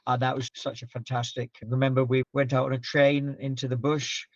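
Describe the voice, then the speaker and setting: A man's voice: medium pitch, level tone, a little fast, no room sound. A middle-aged man, born in Zambia and raised in Scotland, telling rambling stories as a podcast guest. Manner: rambling anecdotes with frequent laughs. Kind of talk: relaxed storytelling interview. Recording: dull, muffled sound.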